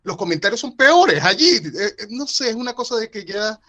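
A man's voice: sits high, sing-song, moderate pace, sharp tone. A man hosting a casual podcast, arguing emphatically, repeating himself and acting out remarks. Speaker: podcast host. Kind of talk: casual, animated debate.

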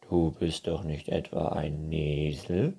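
A man's voice: very deep voice, steady tone, takes it slowly, gravelly, dark tone, husky, full character voice. A man voicing a sulky, indifferent dog in a children's story, dismissive and drawling. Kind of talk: children's book reading.

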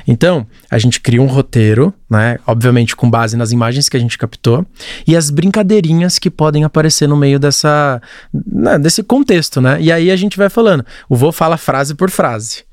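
A young man from Brazil, a podcast guest, talking in a lively, chatty way. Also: a little high, moderate pace, dry recording, studio quality. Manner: animated, chatty, laughs often, acts out quotes. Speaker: podcast guest, content creator. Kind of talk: casual chat.

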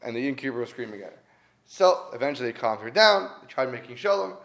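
A man's voice: medium pitch, lively intonation, fast, creaky, fairly bright tone. A man giving an earnest weekly Torah talk, telling stories in a conversational way and stressing his points by repeating them. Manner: earnest, conversational, with emphatic repetition. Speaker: Torah teacher.

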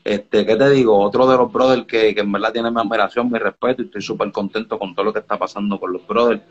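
Through a muffled recording, this Dominican music producer talks quickly in a fairly low, steady tone. He's relaxed in the casual interview and keeps checking in with "you get me?"

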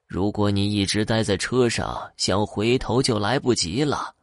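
A man voicing an old woman ghost on a night bus, swinging between shrill shouts and slow, low coaxing. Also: no echo, studio quality. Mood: gentle.

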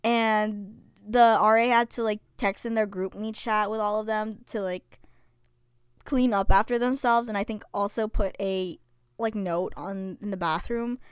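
A woman's voice: mid-range voice, steady tone, a little slow, clean tone, no echo. A young woman hosting a casual solo podcast, chatty with lots of fillers, reading stories aloud. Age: young adult. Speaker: podcast host.

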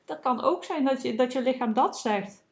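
A woman hosting a casual self-help podcast, speaking in a gentle, reassuring way with many small fillers. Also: high voice, normal speed. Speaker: podcast host.

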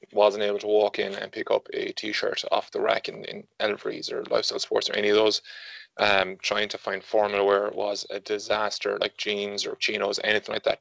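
A man's voice: on the low side, completely flat delivery, moderate pace, vocal fry, fairly bright tone, no room sound, muffled recording. A man in his twenties with a west of Ireland accent, chatting informally and a little hesitantly as a podcast guest. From Galway, Ireland. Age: 20s. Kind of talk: casual interview chat.

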